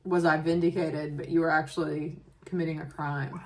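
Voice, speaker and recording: A woman with a fairly low voice, chatting on a comedy podcast. She banters in a lively, playful way and laughs easily. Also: moderate pace. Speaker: podcast co-host. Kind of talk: casual comedic podcast chat.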